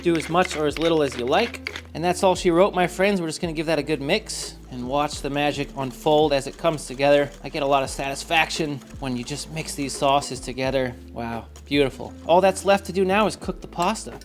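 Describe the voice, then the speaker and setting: A man's voice: fairly high pitch, brisk, noisy background. A man hosting a casual home cooking video, chatting to his viewers as he works. He stays upbeat and slips in jokes. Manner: upbeat, joking, talks to viewers. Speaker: cooking show host.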